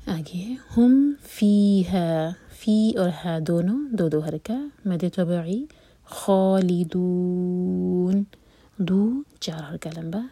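A woman leads a patient recitation lesson in a mellow, slightly husky, lowish voice. She stretches the recited words out slowly, then explains in a soft half-whisper. The sound is close and dry, with no room around it. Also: lively intonation, no room sound. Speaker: Quran recitation teacher.

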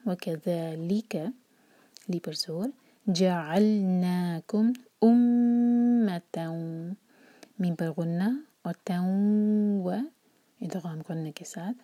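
Soft-spoken woman teaching slow recitation. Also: fairly low pitch, slightly rough, no room sound. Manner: soft, often whispered explanations between slow drawn-out recited words. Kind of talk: step-by-step recitation lesson.

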